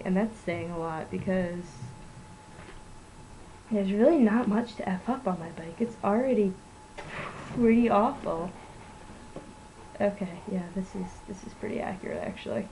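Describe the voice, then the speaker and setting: A woman's voice: mid-range voice, mellow, poor audio. Young woman vlogger, casual sarcastic rant, self-mocking, laptop-mic sound, faint hiss behind. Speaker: student vlogger. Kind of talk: casual vlog monologue.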